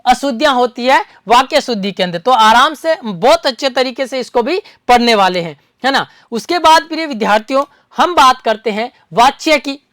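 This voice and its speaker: A woman's voice: sits high, animated, moderate pace, hardly any pauses, a bit bright, no echo, clean studio sound. A woman teaching an exam-prep grammar lesson. She asks the class questions, answers them herself, and repeats key terms for her students.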